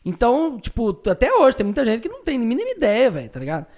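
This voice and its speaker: A man with a high voice talks at a rapid clip, spinning profane, slang-filled stories in a casual podcast conversation. He is a streamer guest, and his animated telling breaks into sudden shouted outbursts.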